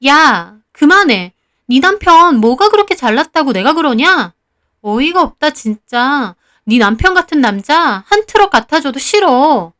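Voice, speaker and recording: This is a brash divorced woman who meets every accusation with rage, as a woman puts her on. Her retorts come out high and shrill, delivered loudly and indignantly, in a story being read aloud. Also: big pitch swings, measured pace, full character voice. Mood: scornful.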